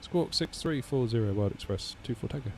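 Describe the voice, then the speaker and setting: A man talking into a cockpit headset mic as a simulator pilot, reading back radio calls in clipped, calm aviation phrasing. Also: mid-range voice, a little fast, slight background noise. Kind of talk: pilot radio calls and casual streaming chat.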